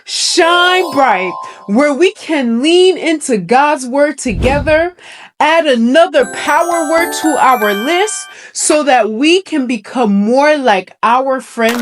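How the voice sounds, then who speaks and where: High, lively, slow-paced woman, kindergarten-teacher manner. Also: over music. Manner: kindergarten-teacher delivery, simple questions and encouragement. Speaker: host of a children's Bible show. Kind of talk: children's lesson, talking directly to young viewers.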